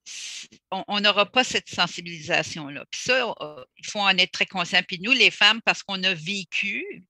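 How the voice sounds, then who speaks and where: A woman speaking as a panelist in a discussion, measured and thoughtful, pausing to search for her words over a video call. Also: mid-range voice, lively intonation, sharp tone, dry recording.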